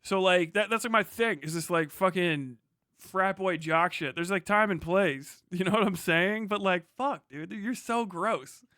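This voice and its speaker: This livestream host and podcaster has a high, sharp-toned voice and an unhurried pace as he rants and comments casually. His talk is blunt, profane and mocking, captured in clean studio sound with no room noise.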